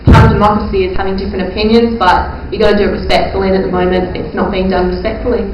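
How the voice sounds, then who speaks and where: A woman's voice: mid-range voice, level tone, very fast, lo-fi sound. A young woman giving a hesitant, hedging answer as a panelist in a mock press Q&A. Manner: hesitant, lots of ums and hedges. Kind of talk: mock press Q&A role-play. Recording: echoey room with noise.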